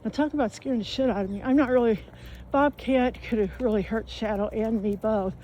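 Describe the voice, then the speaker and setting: A woman's voice: fairly high pitch, a little fast, warm tone, a little hiss or hum. A woman telling a camping story while walking outdoors, out of breath, rambling and colloquial with lots of fillers. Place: outdoors on a riverside trail.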